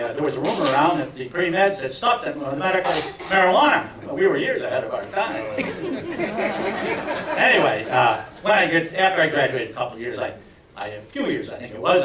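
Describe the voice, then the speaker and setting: A man in his seventies doing a stand-up routine for fellow alumni, telling tongue-in-cheek stories with deadpan punchlines. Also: on the high side, distant mic. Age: 70s. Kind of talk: stand-up comedy. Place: reunion event hall with audience. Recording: echoey room miked from afar, crowd laughter.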